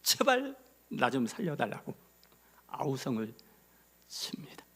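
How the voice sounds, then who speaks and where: A male pastor preaching a sermon, telling a story with sudden drops to a whisper and loud emphatic peaks. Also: medium pitch, wildly swooping pitch, unhurried, husky. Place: church sanctuary.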